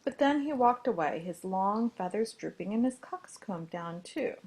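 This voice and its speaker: A woman reading a children's storybook aloud as a religious education storyteller, with an expressive, animated delivery. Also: medium pitch, moderate pace.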